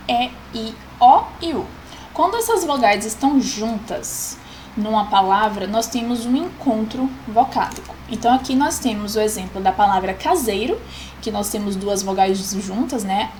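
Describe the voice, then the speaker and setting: A woman's voice: on the high side, a little mellow, slight background noise, low-quality recording. A woman, patiently explaining a grammar lesson as a teacher and often checking in with the class.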